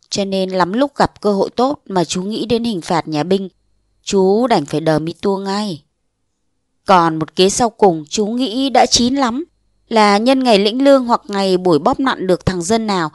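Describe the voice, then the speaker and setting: A woman narrating a short story aloud in lively storytelling style, acting out the dialogue in changed voices. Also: medium pitch, unhurried, dry recording, clean studio sound. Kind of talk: audiobook reading of a short story.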